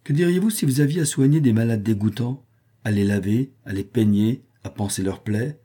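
A man's voice: medium pitch, brisk, dark tone, natural voice. A man voicing a gossiping slave woman who curls hair in a read-aloud novel. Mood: indignant.

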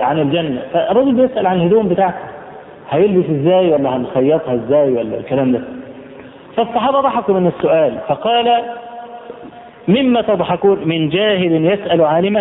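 A man with an Egyptian Arabic accent preaching a sermon, telling stories and mixing classical Arabic with colloquial asides. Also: high-pitched. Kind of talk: sermon storytelling. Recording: echoey hall, tinny phone-like sound, faint noise.

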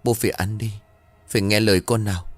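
A caring young daughter in a spoken story, voiced by a man in his own low register. She coaxes and pleads softly but firmly. Faint music plays behind. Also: steady tone, fast, dry recording, close to an everyday voice. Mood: coaxing. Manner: coaxing, pleading.

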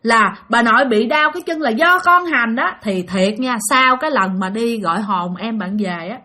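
A woman's voice: fairly high pitch, expressive, moderate pace, sharp tone. A woman with a Southern Vietnamese accent telling a ghost story in a chatty, repetitive way, speaking straight to her listeners. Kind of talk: casual spoken ghost story.

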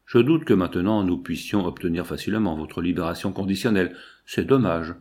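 A man's voice: low voice, brisk, a little mellow, breathy edge. A man voicing a kindly prison pastor who speaks in a fatherly, lamenting way. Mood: sorrowful.

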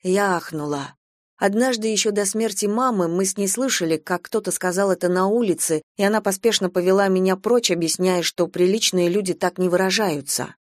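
A woman reads a novel aloud in the first person, even and measured. Her mid-range voice sounds close and dry. She moves the story along steadily. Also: mid-range voice, no echo. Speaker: audiobook narrator. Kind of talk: first-person audiobook narration.

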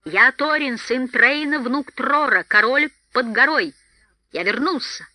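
A woman's voice: mid-range voice, very animated, a little fast, bright, forceful tone, no echo. A woman voicing a proud dwarf king who speaks in a stately, declaiming way.

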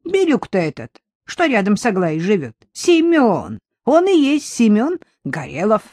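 A woman's voice: medium pitch, wildly swooping pitch, a little slow, darkish tone, dry recording, studio quality, pitched above the performer's own voice. A woman voicing a small, nosy old village woman who gossips and knows everything, in an audiobook. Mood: knowing. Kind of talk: audiobook character voice.

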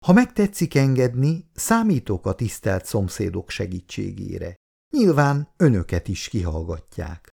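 A man's voice: fairly low pitch, sing-song, vocal fry, warm tone, husky, exaggerated voice. A man voicing an eager shopkeeper who is formal and overly polite. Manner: fussy, formal.

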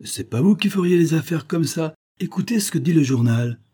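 A man voicing a chatty male neighbor who excitedly reads out the news. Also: on the high side, brisk, husky, voice pushed up. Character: gossipy male shopkeeper neighbor.

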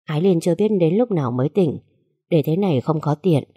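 A woman voicing a middle-aged mother who pleads for calm in a told story. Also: sits low, fairly quick, husky. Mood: pleading. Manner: soothing, pleading.

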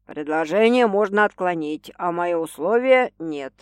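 A woman reading an audiobook, voicing a teasing, domineering young man who speaks slowly and wryly. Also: lively intonation, no room sound. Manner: slow, low and wry. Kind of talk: audiobook character voice.

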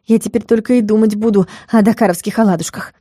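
A woman narrates a fantasy audiobook with a lively storytelling manner, ready to slip into character voices. Her tone is mellow and warm rather than bright. The recording is close and dry, with no room sound. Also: mid-range voice, quick pace, dry recording. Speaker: audiobook reader.

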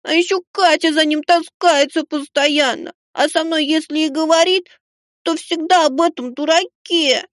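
A man's voice: extremely high pitch, steady tone, moderate pace, fairly bright tone, dry recording, clean studio sound, voice pushed up. A man voicing a sulky, hurt little aristocratic boy who whines and mumbles. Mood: whiny. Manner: whiny, mumbling.

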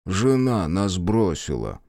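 Man playing a folksy worried father, low voice, dry sound. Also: sing-song, takes it slowly, dark tone, no echo, full character voice. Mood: confiding. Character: weary, worried older father, plain-spoken.

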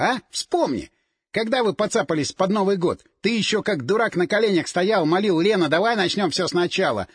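A man's voice: high voice, slightly rough, no room sound, clean studio sound, exaggerated voice. A man voicing a menacing, accusing brother's apparition in an audiobook, needling and relentless.

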